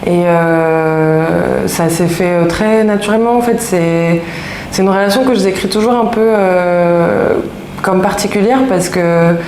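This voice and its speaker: Woman in her thirties, from France, hesitant, lots of fillers, lowish voice, roomy sound. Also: steady tone, unhurried, darkish tone, a little hiss or hum. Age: 30s. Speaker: guest. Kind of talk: casual interview. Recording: roomy sound with faint ambience.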